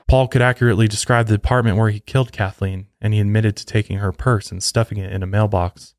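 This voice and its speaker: Narrating true crime from a script, this male podcast host tells the story in order, speaking fast in a steady, fairly low, slightly mellow voice. The recording is close and dry, with very little room sound and no echo.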